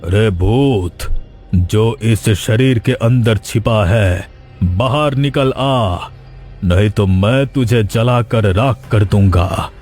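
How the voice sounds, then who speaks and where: A man voicing a stern, commanding male sadhu in a cartoon, giving slow, threatening orders. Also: on the low side, darkish tone, faint music behind. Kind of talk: cartoon voice acting.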